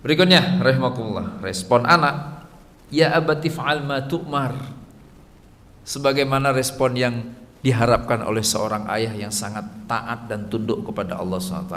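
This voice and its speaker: A man giving a casual sermon and Quran lesson to fathers, animated and joking, acting out little dialogues. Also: medium pitch, normal speed. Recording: reverberant hall with faint ambient noise.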